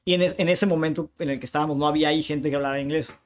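With a fairly high pitch and rapid-fire delivery, a Tijuana man speaking northern Mexican Spanish recounts stories as a bookshop owner in a casual interview. He's lively and peppers his tales with slang.

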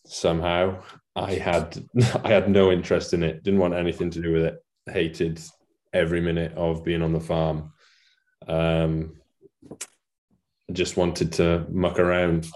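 A Welsh farmer in his late twenties chats casually as an interview guest, his voice low and a little mellow. He is self-deprecating and laughs at his own jokes.

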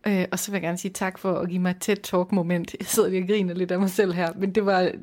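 A woman's voice: fairly low pitch, flat delivery, a little mellow. A woman co-hosting a casual chat, explaining her ideas in a thoughtful way and laughing at herself. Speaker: podcast co-host.

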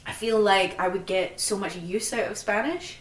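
A young woman co-hosts a podcast, chatting casually in a medium-pitched voice at a moderate pace. She rambles, packing her speech with "like." She sits slightly off-mic, so the sound is roomy and distant.

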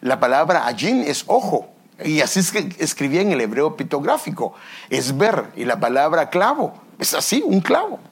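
A man's voice: on the high side, sing-song, moderate pace, gravelly, husky. A man preaching a teaching sermon as pastor, explaining step by step, with restarts and repeated phrases. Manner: explains step by step, often saying "fíjese".

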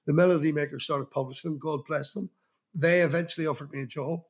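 A fast, husky man's voice, fairly high and steady in tone, belongs to a Northern Irish magazine journalist in his fifties with a Belfast accent. Guesting in an interview, he reminisces about starting in music journalism, rambling through anecdotes and often starting sentences over.

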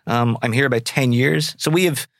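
A man with a west of Ireland accent talks as an interview guest in a frank, colloquial style. His voice sits at a middling pitch. The recording is dry, with hardly any room sound. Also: moderate pace, vocal fry, no echo. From Sligo, west of Ireland. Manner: candid, colloquial. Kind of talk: conversational interview answers.

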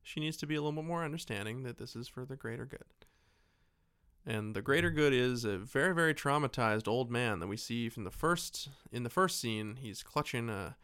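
Smooth, a bit bright, and slightly fast, this animated male co-host has a medium pitch. His casual podcast recap of a film is irreverent and mocking, full of impressions of characters' lines, recorded cleanly in a studio without echo.

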